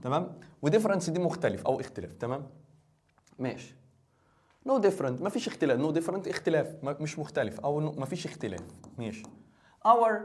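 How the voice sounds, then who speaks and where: A man teaching English in Egyptian Arabic, joking as he translates and quizzes the student. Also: mid-range voice. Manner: quick, joking, asks the student questions. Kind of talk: playful exam-review lesson.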